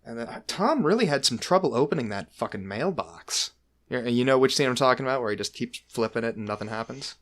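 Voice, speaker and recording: A man's voice: mid-range voice, animated, quick pace, fairly bright tone. A man talks casually with a friend, joking and swearing often. His speech rambles and is full of fillers and restarts, in an easygoing, unscripted chat. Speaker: podcast host. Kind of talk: casual chat about a film.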